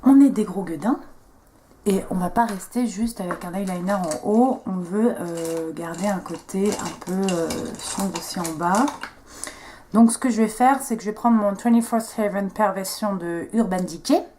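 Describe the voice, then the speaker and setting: Speaking at normal speed in a mellow, mid-range voice, this young beauty vlogger casually walks viewers through each step of a makeup tutorial. She's chatty and pokes fun at herself, with slight background noise in the recording.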